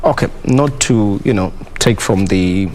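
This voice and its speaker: A man's voice: lowish voice, a little slow, a little mellow, slight background noise. Probing man hosting a sports talk show. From Kenya. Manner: probing, hesitant, many "you know" fillers. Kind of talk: studio discussion.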